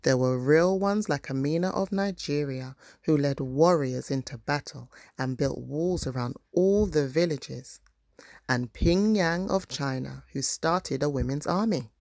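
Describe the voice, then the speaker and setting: A woman reads a children's storybook aloud the way a parent would, her voice low, a little slow and somewhat dark. The recording is dry and close, with no room sound.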